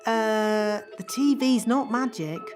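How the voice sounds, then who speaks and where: A woman's voice: on the high side, slow. A woman voicing a bossy, smug fairy nanny in a children's cartoon. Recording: loud music behind the voice.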